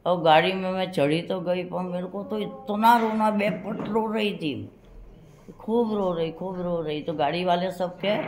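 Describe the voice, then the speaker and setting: Older woman telling a memoir story. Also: fairly low pitch. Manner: rambling storytelling that acts out others' words. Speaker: interviewee recalling her past. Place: hospital room. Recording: roomy recording with crowd noise.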